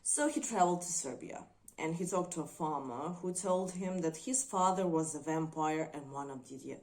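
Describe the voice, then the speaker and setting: A woman talks through a movie review in unscripted commentary. Her voice sits low and she takes her time, weighing her words and pausing often between thoughts. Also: darkish tone. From Croatia. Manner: thoughtful, hesitant, frequent filler pauses.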